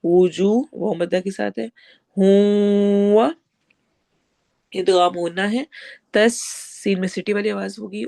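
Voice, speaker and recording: A woman with a Pakistani Urdu accent teaching recitation rules, switching between quick explanations and slow modeled readings. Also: medium pitch, vocal fry, darkish tone. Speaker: Quran teacher.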